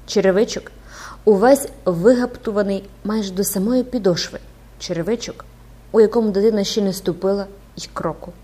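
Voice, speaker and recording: A woman narrating a classic novel as an audiobook in an expressive, dramatic way. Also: medium pitch. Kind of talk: scripted narration.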